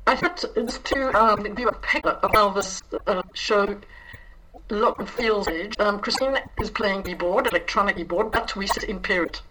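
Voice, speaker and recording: A woman guest describing a show in a halting, searching way. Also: mid-range voice. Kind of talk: casual interview chat. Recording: distant mic with background noise.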